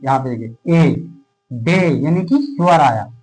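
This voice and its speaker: A man teaching a classroom lesson in speech who asks questions and answers them himself, repeating key terms and drawing words out slowly as he writes. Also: medium pitch, expressive, darkish tone, low-quality recording. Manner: stretches words out slowly while writing.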